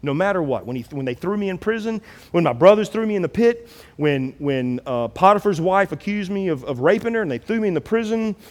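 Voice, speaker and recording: A man preaching a sermon as pastor, animated and acting out quoted biblical figures in his own voice. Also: high-pitched, a little fast, in a large hall.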